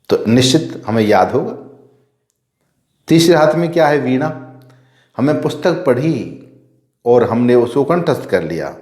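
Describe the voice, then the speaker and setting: Priest who quizzes then answers himself. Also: male voice, mid-range voice, darkish tone, echoey room. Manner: asks rhetorical questions and answers them himself; repeats key phrases for emphasis. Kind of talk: devotional teaching talk.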